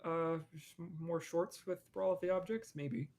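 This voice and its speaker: A man's voice: fairly high pitch, fairly even intonation, unhurried, darkish tone. A young man answering viewer questions on a live stream in a rambling, casual way, full of fillers and restarts. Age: young adult. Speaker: animator and streamer.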